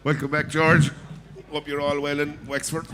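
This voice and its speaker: A man's voice: on the high side, monotone, normal speed, a bit bright. A man announcing a live sheep shearing competition, rallying the crowd with banter as he commentates. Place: livestock show competition. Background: clear event noise.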